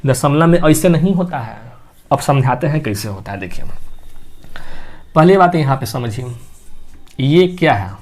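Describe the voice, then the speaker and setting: A man's voice: a little high, animated, unhurried, long pauses, a little mellow. Man teaching maths. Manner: explains step by step, asks and answers own questions. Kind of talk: classroom lesson.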